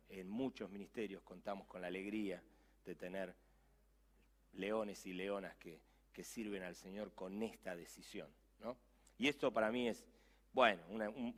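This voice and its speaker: A middle-aged man with a Rioplatense accent preaching a sermon as pastor, animated, swinging between hushed asides and loud exclamations, acting out dialogue. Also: mid-range voice. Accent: Rioplatense Spanish. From Argentina.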